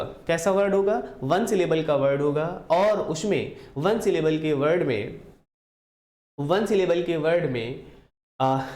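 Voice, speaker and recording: A man's voice: fairly high pitch, a little mellow. Echoey male grammar teacher. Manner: repeats key answers as call-and-response questions. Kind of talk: classroom grammar lecture.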